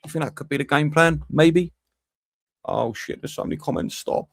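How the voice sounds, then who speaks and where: A man's voice: on the high side, moderate pace, gravelly, no room sound, clean studio sound. A young man doing a live match watch-along, swearing freely and bantering with his chat between bits of play commentary.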